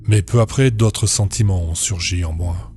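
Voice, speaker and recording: A man reading a horror story aloud as a steady, measured narrator. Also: sits low, faint music behind.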